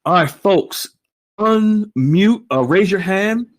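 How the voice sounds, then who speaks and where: Man, host, animated, lively pitch, exclaiming. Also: slow. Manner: animated, exclaims often, repeats wow. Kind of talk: casual online call hosting.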